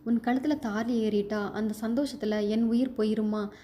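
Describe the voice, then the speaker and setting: A woman's voice: fairly high pitch, fairly even intonation, normal speed, warm tone, close to an everyday voice. A woman voicing a bedridden old father who pleads tenderly with his daughter, read aloud in a storybook telling. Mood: pleading.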